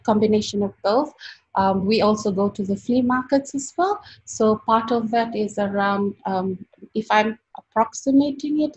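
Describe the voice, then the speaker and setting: A woman's voice: medium pitch, slightly rough. A woman founder answering judges' questions, hesitant with many fillers. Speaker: startup founder pitching. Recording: dull lo-fi sound.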